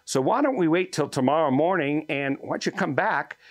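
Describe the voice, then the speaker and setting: A man's voice: a little high, animated, brisk, dry recording. Older male host, folksy hands-on tool reviewer, dry close sound. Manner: folksy, explanatory, hands-on demonstrating. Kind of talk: casual product review. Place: garage workshop, then outdoors on a farm yard.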